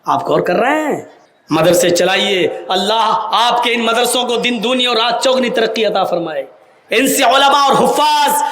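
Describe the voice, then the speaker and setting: An impassioned male preacher with a high, bright voice who often rises to shouting. He is recorded in an echoey hall with a faint hiss underneath. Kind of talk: sermon.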